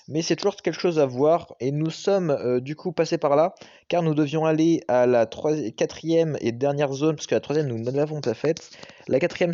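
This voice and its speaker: A man's voice: mid-range voice, warm tone, no echo. A young man doing a casual, enthusiastic vlog voice-over, with frequent hesitations. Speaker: vlogger. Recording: dull lo-fi dry recording.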